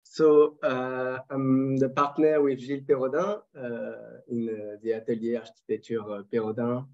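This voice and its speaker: A man from France with a French accent, a native French speaker, giving an unscripted architecture presentation in careful, halting English. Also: mid-range voice, little pitch movement. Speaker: architect giving a webinar talk. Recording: dull lo-fi webinar audio.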